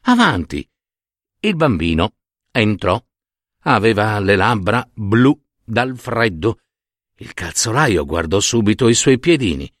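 A man reading a Christmas fairy tale aloud, tender and expressive. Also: fairly low pitch, measured pace, dry recording, studio quality. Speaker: storyteller. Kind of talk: storybook narration.

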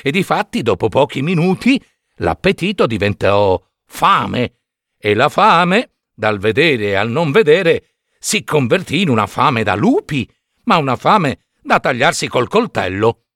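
A man reading a children's story aloud in a lively, unhurried way. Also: mid-range voice, no echo, clean studio sound.

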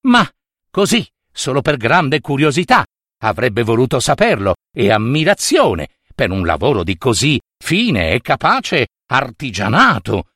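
A man narrating a myth as a storyteller, theatrical and drawn-out, with dramatic pauses. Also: medium pitch, huge pitch swings, a bit bright, breathy edge, no room sound, clean studio sound.

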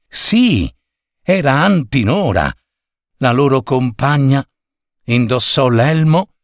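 A man narrating a children's story in an expressive, dramatic way. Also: mid-range voice, no room sound, studio quality.

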